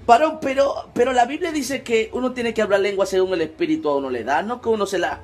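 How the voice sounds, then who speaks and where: A man's voice: high voice, fast talker, a little mellow, soft background music. A man playing a curious church brother who eagerly quizzes another man in a sketch. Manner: nosy, eager questioning.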